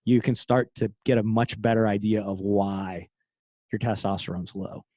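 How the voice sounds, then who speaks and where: A middle-aged man, a former special forces operator, speaking as a podcast guest in casual conversation, candid and quick to laugh. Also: lowish voice, fairly even intonation, dark tone, no echo. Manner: candid, laughs often, trails off and restarts.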